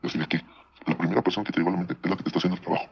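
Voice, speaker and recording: This casual podcast storytelling comes from a guest whose very low, husky voice carries a Mexican Spanish accent. He keeps a steady tone while rattling off his personal story without pause, conversational and quick, imitating the people he quotes. The sound quality is dull and lo-fi.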